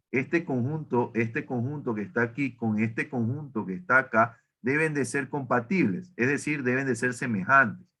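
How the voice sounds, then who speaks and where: A man's voice: mid-range voice, fairly bright tone. A man teaching an online math class, asking students questions and often correcting himself. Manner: questioning, self-correcting, many fillers.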